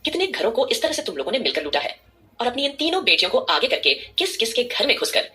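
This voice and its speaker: A woman's voice: medium pitch, sing-song, quick pace, bright, forceful tone. Woman voicing a sneering arrogant young rich man. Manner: sneering, contemptuous.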